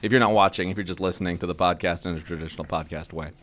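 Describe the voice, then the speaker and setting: A man co-hosting a podcast who chats casually, laughs easily and talks in an animated way. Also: sits low, racing. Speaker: podcast co-host. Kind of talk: casual chat.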